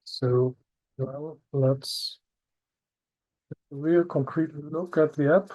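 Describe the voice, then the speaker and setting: A man with a slightly husky voice walks his audience through a new app over a video call. He explains step by step at a steady pace, filling pauses with ums. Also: on the high side, rough recording. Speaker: presenter at an online app launch. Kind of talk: product presentation.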